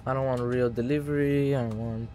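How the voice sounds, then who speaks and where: A man's voice: mid-range voice, fairly even intonation, moderate pace, dark tone, faint music behind. A man streaming a flight simulator, casually thinking aloud and muttering to himself as he works through procedures.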